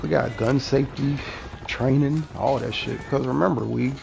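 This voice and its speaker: A man's voice: medium pitch, normal speed, vocal fry, background noise. A man in casual, profane storytelling chat who acts out the people in his stories as he talks. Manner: profane, animated, acts out quoted dialogue.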